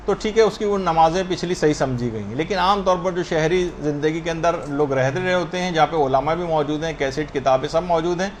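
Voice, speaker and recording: A man teaching a religious lesson on the rules of prayer, explaining points step by step and slowly spelling out correct pronunciations. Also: high-pitched, slight background noise.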